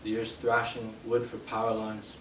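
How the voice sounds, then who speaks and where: A young man from Canada giving a live poetry reading in a bookshop, hesitant with fillers between poems and steady in his verse. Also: lowish voice, normal speed. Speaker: poet. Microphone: distant from the mic. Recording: roomy, distant, noisy live room sound.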